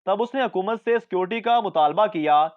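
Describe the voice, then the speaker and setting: A man reading out a string of short jokes as the narrator, with a measured delivery of the punchlines. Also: high voice, narrow, tinny audio. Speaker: joke narrator.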